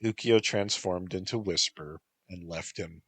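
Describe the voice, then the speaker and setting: A man narrating a story in a measured, even reading. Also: low-pitched, breathy edge, no room sound.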